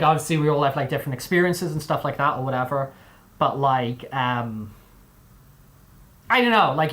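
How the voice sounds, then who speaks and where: A man's voice: medium pitch, a bit bright. A young man with a mixed, displaced accent, chatting casually on a live stream, rambling with many fillers and restarts.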